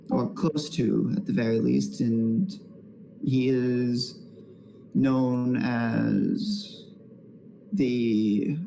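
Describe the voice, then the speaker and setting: A man voicing a slow, formal island queen. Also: medium pitch, gravelly, warm tone, a little hiss or hum, poor audio. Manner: formal, measured, hesitant. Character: formal, measured queen of a dragon isle.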